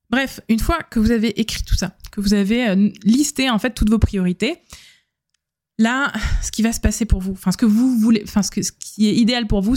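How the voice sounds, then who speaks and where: A woman's voice: medium pitch, darkish tone. A woman hosting a solo podcast, giving advice in a chatty way with many fillers and self-corrections. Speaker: podcast host.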